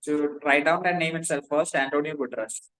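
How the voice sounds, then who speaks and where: A man's voice: a little high, steady tone, fairly quick, a bit bright, poor audio. A man with an Indian English accent teaching a class, dictating notes and spelling names letter by letter, often repeating himself.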